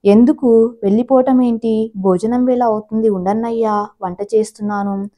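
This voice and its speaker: A woman's voice: fairly high pitch, fairly even intonation, moderate pace, mellow, close to an everyday voice. A woman voicing an aggrieved middle-aged housewife who complains in a hurt, indignant way. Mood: pleading.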